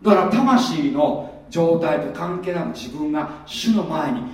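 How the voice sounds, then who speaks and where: A man's voice: a little high, animated, measured pace, darkish tone. A man preaching a sermon as pastor in a conversational way, often asking the listeners rhetorical questions. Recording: very echoey room, voice from far off.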